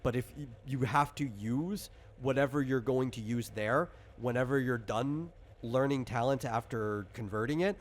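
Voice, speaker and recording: A medium-pitched man acting as game master explains the rules of a tabletop game casually. He rambles and halts, circling back to rephrase things.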